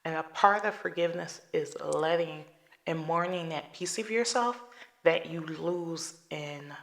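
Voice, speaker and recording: A woman's voice: sits low, measured pace, gravelly. A woman hosting a solo podcast, talking to the listener in a direct, conversational way with rhetorical questions and everyday examples. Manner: preachy, conversational, talks through examples. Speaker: podcast host.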